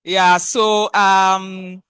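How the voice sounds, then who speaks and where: Kenyan woman introducing herself, slow and hesitant, bit giggly, dry close sound. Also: mid-range voice, flat delivery, a bit bright, smooth, no room sound. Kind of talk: informal self-introduction, mixing English and Swahili.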